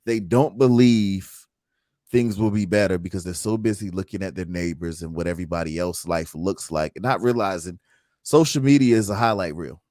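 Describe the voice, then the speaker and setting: A man with a very low, deep voice hosts a casual livestream chat, speaking earnestly and reflectively. The sound is dry and close, with no room echo. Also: normal speed, darkish tone. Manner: earnest, reflective, reads live comments aloud. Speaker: host.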